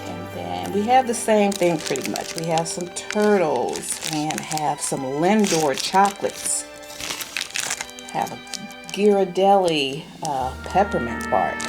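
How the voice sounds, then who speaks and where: A woman with a lowish, gravelly voice and lively intonation slowly shows off gift baskets over music, holding the camera herself. In this casual vlog she's chatty, says things more than once, and uses many fillers.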